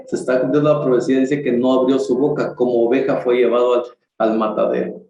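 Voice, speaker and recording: A man preaching a sermon in church, earnest, rising in pitch for emphasis and often restarting his sentences. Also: little pitch movement, quick pace, warm tone. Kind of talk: sermon over an online stream. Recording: echoey room with faint background hiss.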